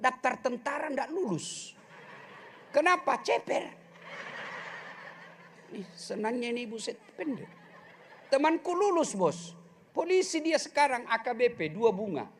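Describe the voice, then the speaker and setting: A middle-aged man with an extremely high-pitched voice preaches a humorous sermon at normal speed, with a little hiss or hum audible. He is animated and joking, speaking straight to the congregation.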